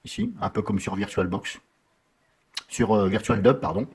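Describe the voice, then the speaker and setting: A man giving a casual software tutorial, rambling and often correcting himself with many fillers. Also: on the low side, moderate pace, slightly rough.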